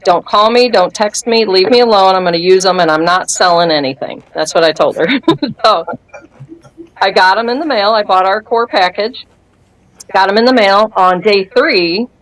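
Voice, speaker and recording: The audio is poor as a guest in her fifties, medium-pitched and speaking at normal speed, tells her testimony in an informal interview. She acts out others' lines with lively energy and breaks into laughter often.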